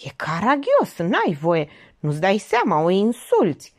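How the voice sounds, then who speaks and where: A woman's voice: mid-range voice, huge pitch swings, a little mellow, pitched above the performer's own voice. A woman voicing a cool, scornful woman pianist with a dry, ironic manner. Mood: urgent.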